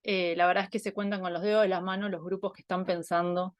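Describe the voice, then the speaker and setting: A woman with a lowish voice and an Argentine Spanish accent gives an online talk as an anthropologist over a video call. She thinks aloud, with many fillers and restarts. The sound is dry and close, with no room around it. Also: little pitch movement, fast talker, dry recording. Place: home, Buenos Aires.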